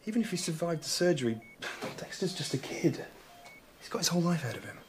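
A man's voice: a little high, very animated, fast, background noise. A man in his thirties playing a confident, pragmatic hospital registrar in a medical drama, casual and self-assured. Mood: earnest, insistent. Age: 30s. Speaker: lead registrar. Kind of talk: filmed medical drama acting.

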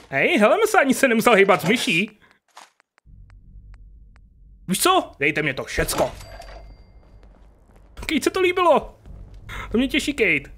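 A man's voice: high-pitched, a bit bright. A man giving casual, joking commentary while playing a video game, chatting to the audience and swearing at enemies. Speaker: gaming youtuber. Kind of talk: casual let's play commentary.

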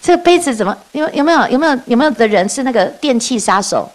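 A woman's voice: high voice, fast. A woman giving a dharma talk as a Buddhist nun, telling stories with frequent laughs and rhetorical questions. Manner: lively storytelling, often laughing and asking rhetorical questions.

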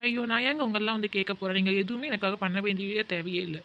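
Cartoon role: a woman playing a curt, sarcastic young boyfriend, rattling lines off very fast on dull lo-fi audio. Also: mid-range voice, slight background noise, natural voice. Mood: dismissive. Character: young man, cold and bitter boyfriend. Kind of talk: cartoon voice acting.

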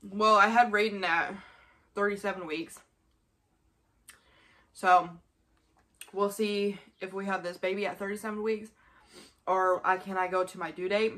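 A woman's voice: mid-range voice, steady tone, a little slow, pauses often, a bit bright. A woman of twenty-five talking casually to the camera in a rambling, informal way, often repeating herself. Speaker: vlogger filming a mukbang. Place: small bedroom, indoors. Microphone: camera a short distance in front of her.

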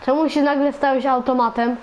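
Woman voicing a baffled father, high voice. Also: steady tone, fairly quick, darkish tone, slight background noise, natural voice. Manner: baffled, questioning. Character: bewildered father Janusz. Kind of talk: fan game role-play.

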